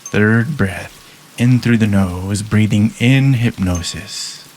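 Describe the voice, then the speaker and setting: A man guiding a listener through a hypnosis induction in a soft, calm, measured way with long pauses. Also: fairly low pitch, slight background noise, low-quality recording.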